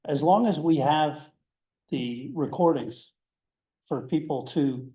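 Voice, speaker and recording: A plainspoken man speaks his mind at a town board meeting. His voice is dark and mellow, and the room echoes around him. The sound is dull and lo-fi. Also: fairly high pitch, takes it slowly. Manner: plainspoken, old-school, blunt. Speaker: board member.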